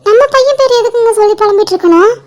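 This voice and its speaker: A woman's voice: very high voice, rapid-fire. A woman voicing an anxious mother in a cartoon, fretful and questioning. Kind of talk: cartoon voice acting.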